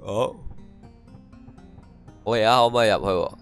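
A Hong Kong game streamer speaks slowly in Cantonese, translating dialogue and mocking it in a dry running commentary during casual gameplay. His male voice sits on the low side and is creaky, with faint game music behind him.

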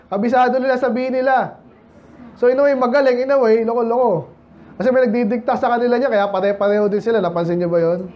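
A man's voice: sits high, a little mellow, muffled recording, slight background noise. A man preaching a sermon in a conversational way, often asking the congregation questions and quoting English scripture. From Philippines. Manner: mixes English scripture quotes into Tagalog. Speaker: pastor.

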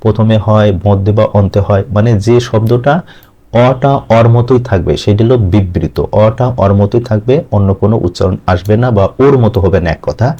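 A man with a Bangladeshi Bengali accent teaching an exam-prep grammar lesson, asking questions and answering them himself and repeating words slowly. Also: lowish voice, dark tone, lo-fi sound.

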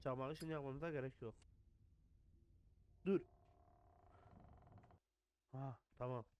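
A man's voice: medium pitch, slow pace, a little mellow. A young man, commentating a horror game, jumpy, cursing and muttering prayers when scared. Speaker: gaming YouTuber.

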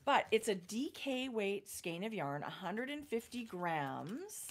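A middle-aged woman chatting casually as a knitting podcast co-host, explaining her projects in detail with pauses and fillers. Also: mid-range voice, very animated. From Canada. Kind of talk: casual chat.

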